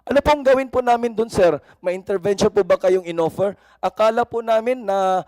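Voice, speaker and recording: A man's voice: high voice, brisk, darkish tone, dry recording. A middle-aged man, a church minister, gives impassioned, pleading and very polite testimony at a formal hearing.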